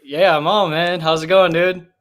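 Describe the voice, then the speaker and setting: A man's voice: fairly high pitch, little pitch movement, normal speed, fairly bright tone. Easygoing man guest on a livestream. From Wisconsin. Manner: easygoing, laughs often, says dude. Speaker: guest content creator. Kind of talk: casual livestream chat.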